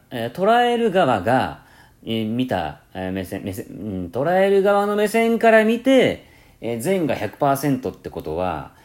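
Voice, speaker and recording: A man from Kansai with a Kansai-tinged accent mixed with standard speech, hosting a casual solo radio talk, rambling with many fillers and self-corrections. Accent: Kansai mixed with standard Japanese. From Kansai, Japan. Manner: lively rising and falling pitch. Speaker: podcast host.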